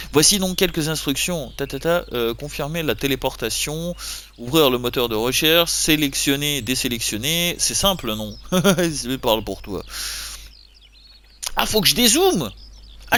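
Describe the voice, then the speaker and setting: A French man playing a farming game and talking over it, jokey and quick to swing from mutters to sudden high yelps. His voice is a little higher than usual for a man and moves a lot. Faint farm sounds from the game sit behind him. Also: bright, forceful tone, a little hiss or hum. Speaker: gaming YouTuber. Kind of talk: let's play commentary.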